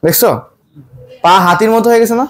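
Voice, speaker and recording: A man with a high-pitched, fairly bright voice teaches a biology exam-prep lesson. He quizzes his students constantly, repeats each question, and slows down to spell out scientific terms.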